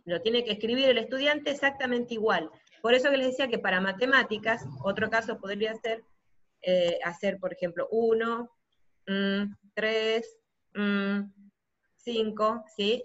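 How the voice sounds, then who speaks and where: A woman's voice: mid-range voice, measured pace, a bit bright. Teacher woman, lo-fi call audio. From Argentina. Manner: explanatory, often checks in with listeners. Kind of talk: live software tutorial over video call. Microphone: video call. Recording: dull lo-fi video call audio.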